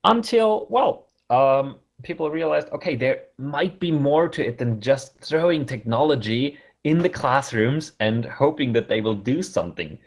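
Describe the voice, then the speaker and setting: A man with a German accent gives an online conference talk in a casual, chatty way, halting often with fillers and restarts. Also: medium pitch, expressive. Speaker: conference speaker.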